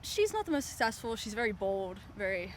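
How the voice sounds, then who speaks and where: A woman cast member answering interview questions outdoors with a giggly, quick manner. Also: medium pitch, very animated, a little hiss or hum. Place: outdoor theatre stage.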